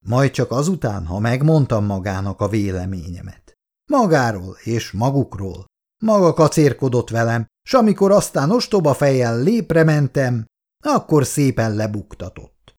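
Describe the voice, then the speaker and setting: A man's voice: mid-range voice, very animated, darkish tone, pitched above the performer's own voice, close to an everyday voice. A man doing a sneering, smug office clerk. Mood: mocking. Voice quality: mocking, smug.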